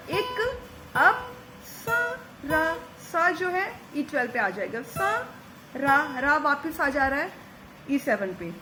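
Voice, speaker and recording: A woman giving a patient step-by-step guitar lesson, singing short lyric snippets slowly between explanations. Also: high voice, sharp tone, poor audio. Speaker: guitar teacher. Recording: faint guitar behind voice.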